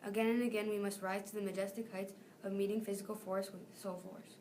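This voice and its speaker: Teen female student reader, brisk pace, little pitch movement, slight background noise. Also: level tone, a little mellow. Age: teenager. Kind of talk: reading a famous speech aloud.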